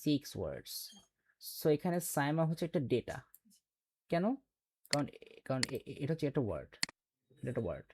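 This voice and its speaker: A man's voice: medium pitch, sing-song, fairly quick, long pauses, a little mellow, a little hiss or hum. A man teaching a computer class, explaining step by step and quizzing his students with questions. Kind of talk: classroom lecture.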